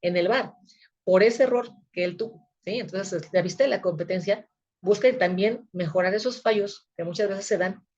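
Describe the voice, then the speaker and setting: A woman's voice: mid-range voice, normal speed, darkish tone, lo-fi sound. A woman, teaching a recorded video lecture in a conversational way that often checks her listeners are following. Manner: conversational, frequent checking tags.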